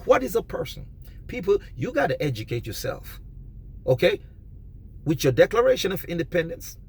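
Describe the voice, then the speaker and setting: A man giving an emphatic, preachy monologue of advice, often rising almost to a shout. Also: sits high, very animated, normal speed, creaky, slightly rough. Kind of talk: passionate monologue.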